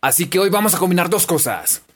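A woman's voice: on the low side, animated, fast talker, slight background noise. A woman teaching English pronunciation in a playful, chatty, encouraging way. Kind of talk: casual online lesson.

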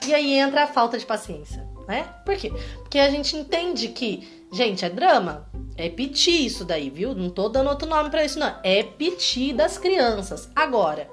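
A woman's voice: sits high, big pitch swings, normal speed, soft background music. A woman with a Brazilian accent giving a casual, playful parenting lesson, often ending with tag questions. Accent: Brazilian Portuguese. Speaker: parenting educator. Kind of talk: casual teaching talk.

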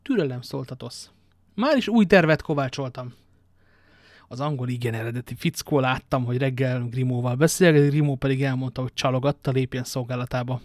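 A man's voice: medium pitch, dry recording, clean studio sound, natural voice. A man reading an audiobook and voicing Athos, a worldly, ironic musketeer, with a languid manner of telling his tale. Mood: wry.

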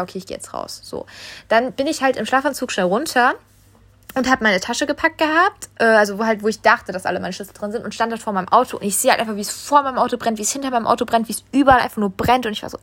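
A young woman from Germany hosting a podcast, retelling a tense night in a quick, breathless casual style full of fillers and quoted dialogue. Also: fairly high pitch, a bit bright. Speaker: podcast host. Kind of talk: casual storytelling.

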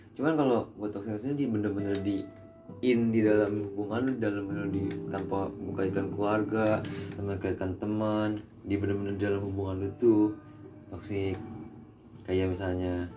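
A young man with a slurred r, chatting casually and crudely as a podcast host over music. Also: on the low side. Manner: lisp that slurs the r sound; crude, swearing banter. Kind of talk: casual joking chat. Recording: music playing behind the voice.

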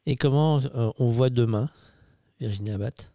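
A male radio host interviews his guest in a playful way, sometimes pausing to find the right word. His voice is low-toned and warm, with a gravelly edge. The sound is dry and close. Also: dry recording.

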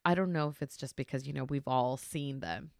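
Thirty-ish mom podcaster rambling quietly at home, bit of vocal fry, dry close sound. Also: female voice, a bass voice, brisk, no echo. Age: 30s. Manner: chatty, rambling, many fillers; hushed, trying not to be loud. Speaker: podcast host. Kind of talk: casual solo podcast monologue. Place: home at night.

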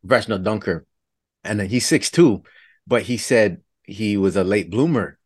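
A man's voice: on the low side, moderate pace, husky. Affirming male interview host. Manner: relaxed, affirming, asks follow-up questions. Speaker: podcast host. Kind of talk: interview hosting.

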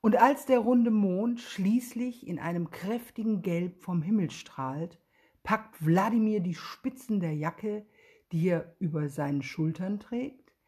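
A woman reading a children's story aloud in a gentle, expressive way, with a husky voice. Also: medium pitch, slow.

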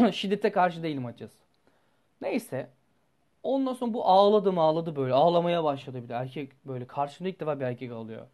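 A man's voice: fairly high pitch, a little fast. Young guy venting about his week, rambly, cusses a lot, gets worked up. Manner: rambling and animated, swears freely. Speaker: student telling a personal story. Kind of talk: casual storytelling vlog.

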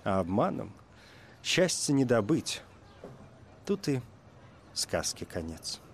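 A man's voice: mid-range voice, very animated, slow pace, vocal fry, background noise. A man hosting a radio show, reading a fairy tale and chatting in a playful, ironic way. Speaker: radio host. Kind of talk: storytelling and casual radio talk.

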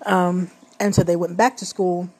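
Woman, 30s, stay-at-home mom, rambling casual storytelling, husky, somewhat low voice. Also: flat delivery, moderate pace, a little mellow. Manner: chatty, rambling, many fillers and restarts.

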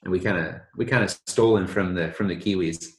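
Laid-back American male host, very low voice, echoey room, rambling casual delivery. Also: brisk. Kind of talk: casual chat.

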